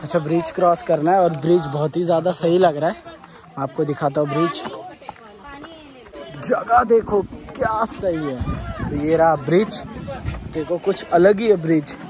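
A young man films a casual vlog of his forest trek on a phone held at arm's length, talking chattily and enthusiastically to camera as he walks. His voice is on the high side and unhurried, with long pauses, and there's crowd noise in a noisy background.

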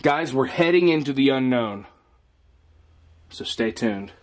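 A man's voice: mid-range voice, lively intonation, measured pace, background noise. A young man, chatting casually to camera in a travel vlog, upbeat and full of fillers. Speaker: vlogger.

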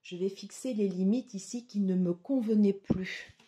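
A woman giving a tarot reading to her viewers, slow and hesitant with many fillers. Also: mid-range voice, mellow. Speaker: tarot reader.

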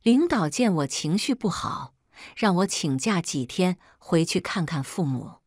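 Low-voiced woman narrating a story. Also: dry recording, studio quality. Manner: steady, measured reading. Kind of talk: first-person scripted story narration.

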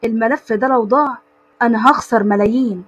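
A woman voicing a furious young male company boss who shouts threats in an Egyptian accent, husky and quick. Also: a little high. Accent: Egyptian Arabic.

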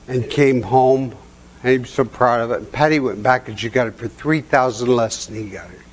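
A man's voice: medium pitch, normal speed. An older man giving a seminar talk in a hotel conference room, with a folksy storytelling manner, chuckling at his own stories. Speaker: seminar presenter.

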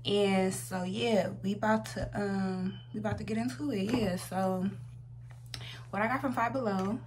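A twenty-something American woman chats casually and slangily as a makeup vlogger, walking through a tutorial. Her mid-range voice is steady and measured. It's a noisy home recording with hum, made indoors in a small room.

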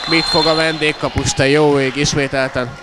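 A man giving excited live sports commentary in an animated way, exclaiming and calling out players' names. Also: fairly high pitch. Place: indoor school sports hall during a match. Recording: noisy echoing crowd, live match sound. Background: loud crowd and bouncing ball.

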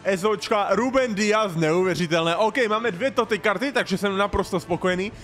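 Young gamer dude hyping up his football game, slangy bro talk, sing-songy yelling, bit higher voice. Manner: slangy, calls viewers "bro" constantly; bursts into loud sing-song shouts when excited. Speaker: gaming streamer. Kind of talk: excited gameplay commentary.

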